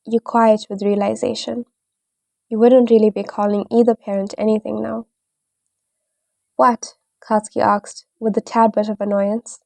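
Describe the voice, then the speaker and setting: A woman reading an audio fanfiction in a steady second-person storytelling style. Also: medium pitch, normal speed, creaky, dry recording. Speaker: narrator.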